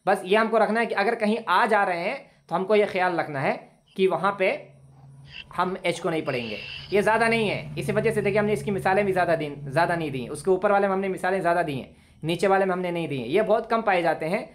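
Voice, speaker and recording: Patient man teaching over video call. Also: high voice. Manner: patient, repetitive explaining, slowly drawn-out example sentences. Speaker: English teacher. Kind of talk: online class lecture.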